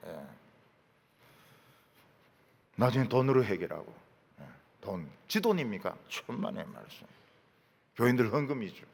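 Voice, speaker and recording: A man's voice: mid-range voice, big pitch swings, a little slow, creaky, pauses often, a little mellow, husky, in a large hall. A man preaching a sermon in a large church sanctuary, emphatic, often dropping in short affirmations and rhetorical questions. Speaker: pastor.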